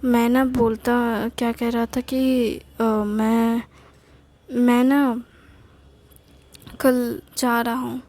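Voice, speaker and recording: A sheepish older husband who stumbles through his words with halting fillers, as a woman narrator voices him. The voice stays high and the delivery unhurried, doting and a little defensive. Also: flat delivery, a little mellow. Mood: hesitant. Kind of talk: storytelling with acted dialogue.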